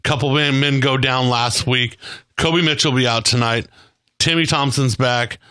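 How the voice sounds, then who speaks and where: A man's voice: mid-range voice, fairly even intonation, normal speed, sharp tone, smooth. A man hosting a local sports talk show, commenting on football and interviewing players.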